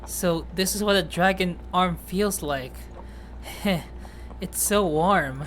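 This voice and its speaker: A woman voicing a timid, petite young male yokai in a game read-through, speaking shyly and hesitantly with halting pauses. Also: fairly low pitch, a little hiss or hum.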